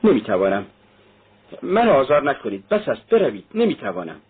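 A husky-voiced man reading a novel aloud, voicing a feverish, irritable young man who speaks in curt, agitated bursts. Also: medium pitch, animated, pitched above the performer's own voice. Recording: tinny phone-like sound.

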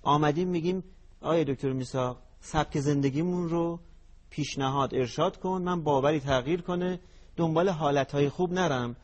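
A man's voice: fairly high pitch, darkish tone. A man hosting an interview, asking hesitant questions and searching for words. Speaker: host.

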